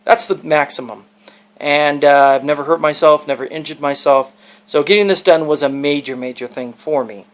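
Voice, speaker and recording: A man's voice: on the high side, normal speed. A man talking casually to the camera as a video blogger, explaining and giving advice in a rambling, earnest way. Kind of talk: casual vlog monologue, explaining and advising.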